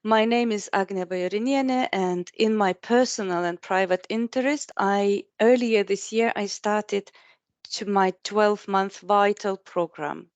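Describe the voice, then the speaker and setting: A woman hosts an interview over a video call and asks polite, curious questions. Her voice sits at a middle pitch. The sound is dry, with no room echo. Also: measured pace, dull audio. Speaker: interview host.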